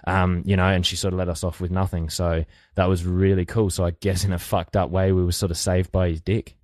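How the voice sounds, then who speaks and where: A young Australian man tells a crude story in a laid-back, rambling way, swearing constantly. His voice sits very low and barely moves in pitch. The recording is dry and close. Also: level tone, a little fast, darkish tone, dry recording. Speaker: interview guest. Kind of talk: casual storytelling.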